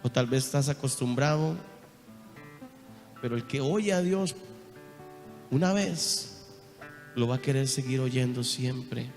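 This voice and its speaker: A man with a Costa Rican accent preaching a sermon, telling his testimony with strong emotion, moving from hushed speech to loud cries. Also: medium pitch, takes it slowly, pauses often. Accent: Costa Rican Spanish. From Costa Rica. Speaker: apostle preaching. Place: large church hall. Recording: reverberant church hall. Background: soft guitar music.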